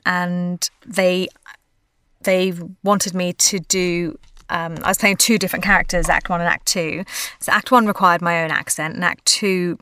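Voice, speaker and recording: Recorded dry, this Australian actress and voiceover artist has a fairly low, fairly bright, clean voice. As an interview guest in a casual conversation, she laughs frequently and keeps restarting sentences.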